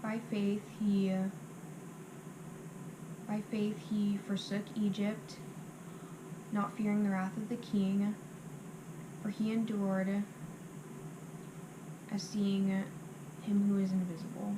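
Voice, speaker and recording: A woman reciting scripture from memory by rote, in short halting phrases, sometimes restarting them. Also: medium pitch, completely flat delivery. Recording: clearly noisy amateur recording.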